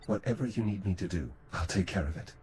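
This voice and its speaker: A man's voice: low voice, fast, a crowd in the background, lightly acted. A man playing an earnest, dutiful space-crew helper in a video game, polite and plain-spoken. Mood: resolved.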